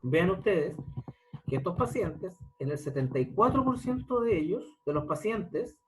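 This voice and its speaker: A man's voice: high voice, lively intonation, a little slow, a little hiss or hum, rough recording. A man, a pediatric surgeon, giving a medical lecture and asking his audience rhetorical questions. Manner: explanatory, asks rhetorical questions.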